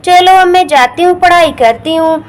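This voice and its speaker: A woman's voice: very high voice, moderate pace. A woman voicing a cheeky, sulky schoolgirl in a doll story, pleading and grumbling. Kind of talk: doll story role-play.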